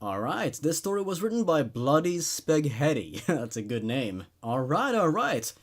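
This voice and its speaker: Reading horror stories aloud on the show he hosts, this man narrates dramatically and shares his thoughts in a laid-back way. His voice is a little high, with big swings in pitch, and he speaks unhurriedly.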